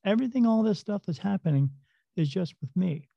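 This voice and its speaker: A man's voice: sits high, lively intonation, a little fast, creaky, dry recording, highs cut off. A man telling his own story in a casual, rambling way, full of fillers and restarts. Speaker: storyteller recounting paranormal experiences. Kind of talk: casual first-person storytelling.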